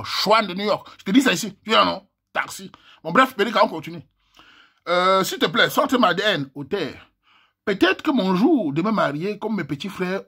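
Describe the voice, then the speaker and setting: A man's voice: fairly high pitch, bright, forceful tone, husky. A man with a Cameroonian French accent, reading messages aloud and joking with his viewers as a vlogger. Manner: joking, chatty, talks to viewers as little brother.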